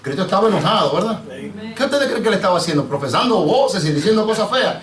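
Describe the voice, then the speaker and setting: Un pastor predicando con acento caribeño a su congregación, con preguntas frecuentes y tratándolos de hermanos. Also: male voice, high voice, animated, quick pace, fairly bright tone, a little hiss or hum. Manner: preachy, asks the congregation questions, addresses them as brother. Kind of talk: sermon. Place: church sanctuary. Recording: echoey church, mic off at a distance.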